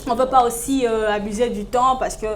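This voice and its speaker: A woman hosts a casual talk show. Her voice sits a little high, and her speech is lively and full of laughter, with frequent stumbles and restarts. A faint hum of room noise sits behind her. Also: fairly quick. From Congo. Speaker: host.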